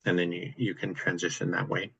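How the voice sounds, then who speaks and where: A man with a deep, crisp-toned voice chats on a video call about practical landlord matters. He explains at length in an easygoing, matter-of-fact way, his pitch staying fairly level. The sound is dry and close. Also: little pitch movement, fairly quick, fairly bright tone, dull audio, a little hiss or hum. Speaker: real estate investor host. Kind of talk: casual chat on a video call.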